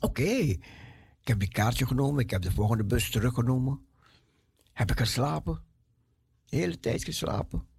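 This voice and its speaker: A man giving a personal testimony as an animated story. He repeats words for emphasis and acts out the voices of the people he met. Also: medium pitch, normal speed, creaky, long pauses, breathy edge, no echo, studio quality.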